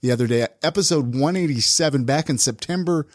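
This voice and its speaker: A man's voice: fairly high pitch, fairly quick, darkish tone, no room sound, clean studio sound. A man hosting a casual podcast chat, easygoing, also reading out a plain ad. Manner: chatty, easygoing, reads ad copy plainly. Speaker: podcast host.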